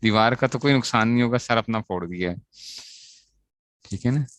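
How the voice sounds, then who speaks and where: A man gives students a classroom lecture on Arabic grammar, posing questions, answering them himself, and repeating key points. His voice is medium-pitched and a bit bright, at moderate speed, with no room sound.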